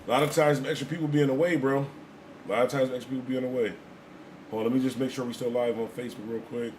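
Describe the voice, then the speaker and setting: A man hosting a casual livestream, reacting in loose, slangy, repetitive talk. His voice sits at an ordinary middle pitch. A faint hiss of noise runs behind him. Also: steady tone, rapid-fire, darkish tone, rough recording. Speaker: livestream host.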